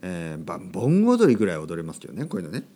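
A man's voice: low-pitched, wildly swooping pitch, rapid-fire, very noisy. A man hosting a podcast for language learners, talking in a playful, jokey way and exaggerating for fun. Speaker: podcast host teaching Japanese.

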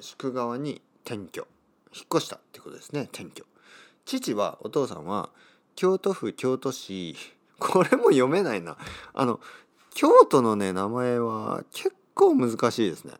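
A middle-aged man from Kyushu, a Japanese language teacher, reads a text slowly for learners and restates each part in easier words, stopping to puzzle over hard names. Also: medium pitch, wildly swooping pitch. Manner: reads text aloud slowly, then rephrases it in simpler words; stops and wonders aloud how to read place names. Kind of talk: explaining a reading for Japanese learners.

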